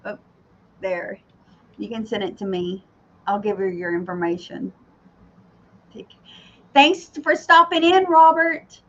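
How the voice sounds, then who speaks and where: A woman's voice: medium pitch, animated, takes it slowly, pauses often, fairly bright tone, slight background noise. A woman co-hosting a casual livestream chat, teasing and laughing easily. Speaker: co-host. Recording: dull lo-fi stream audio.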